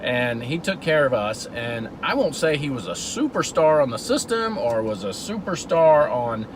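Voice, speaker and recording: A middle-aged vlog host from Georgia, USA, talks casually while driving his car, telling a story in an earnest way with repeated restarts. His mid-pitched voice is sing-song at normal speed, with background noise present.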